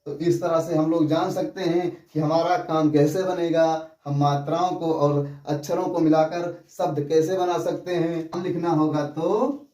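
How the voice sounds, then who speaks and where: A man teaching a lesson, speaking slowly and patiently, repeating syllables and asking rhetorical questions. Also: on the high side, steady tone, warm tone. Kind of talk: classroom lesson on writing and pronunciation. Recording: echoey room, voice from a distance.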